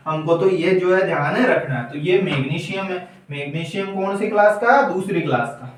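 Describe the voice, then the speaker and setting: A male teacher, giving a classroom lecture. He keeps quizzing the class and answering his own questions. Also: high voice. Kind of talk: classroom lecture with call-and-response. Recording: very echoey room, mic far off.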